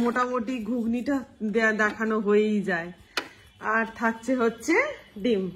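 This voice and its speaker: A chatty, teasing woman with a high voice talks her viewers through her morning in a home kitchen. A faint hum of background noise sits under her. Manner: chatty, teasing, sing-song when talking to her pet. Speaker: vlogger. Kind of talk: casual chat.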